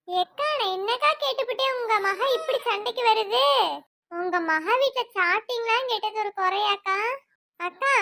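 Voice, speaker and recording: Cartoon: a woman as a chatty gossipy village woman, dramatic sing-song, high and bright. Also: heavily acted.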